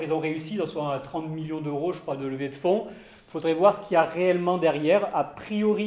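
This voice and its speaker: High-voiced man lecturing in a roomy hall. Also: darkish tone. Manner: thoughtful, hedging, many fillers and restarts. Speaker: lecturer on accents. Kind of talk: academic conference talk.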